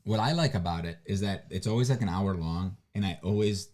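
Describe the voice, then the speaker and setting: Low-voiced man rambling on a livestream. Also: brisk. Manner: relaxed, rambling, restarts a lot. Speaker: livestream co-host. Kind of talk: casual chat.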